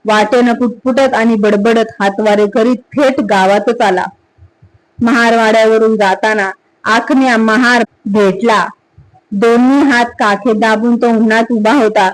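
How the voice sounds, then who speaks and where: A woman's voice: on the high side, fairly even intonation, measured pace, no room sound, poor audio. A woman storyteller narrating a village folk tale expressively.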